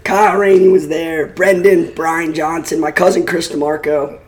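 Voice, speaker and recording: A man's voice: fairly high pitch, little pitch movement, moderate pace. A man co-hosting a sports podcast with a sore, fading voice, brash and boastful. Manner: brash, boastful fan talk. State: sore throat, losing his voice. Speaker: podcast co-host. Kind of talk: casual sports podcast chat.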